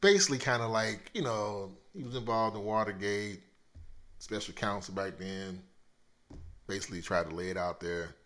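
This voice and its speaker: A man with a sore throat hosting a rambling solo podcast rant, profane and swinging between loud outbursts and low mutters. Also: moderate pace. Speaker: podcast host.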